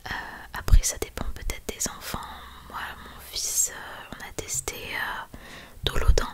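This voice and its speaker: A young adult woman speaking in a hushed, library-quiet whisper, presenting items in a soft ASMR style. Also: measured pace. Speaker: ASMR video creator.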